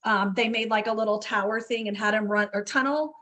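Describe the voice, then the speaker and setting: A woman's voice: mid-range voice, steady tone, brisk, bright, forceful tone. A woman run club coach telling a story in a casual interview, chatty, full of fillers and "you know what I mean".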